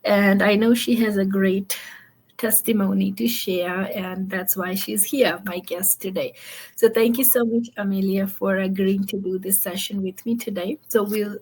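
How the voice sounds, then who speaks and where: Husky upbeat woman host from Fiji. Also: mid-range voice, fairly even intonation, a little slow, darkish tone. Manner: upbeat, talks with many fillers. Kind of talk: online interview.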